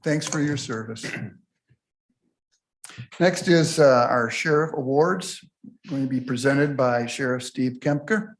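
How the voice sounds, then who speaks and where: A man's voice: medium pitch, takes it slowly, long pauses. A man chairing a county board meeting, making brief, formal procedural announcements.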